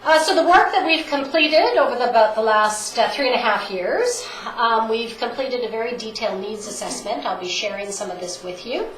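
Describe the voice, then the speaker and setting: A woman's voice: fairly high pitch, brisk, few pauses. A woman executive with a cold, her voice stuffy and congested, presenting plans to a town council with many ums and uhs. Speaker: hospital president and CEO. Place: council chamber. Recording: echoey chamber with room noise.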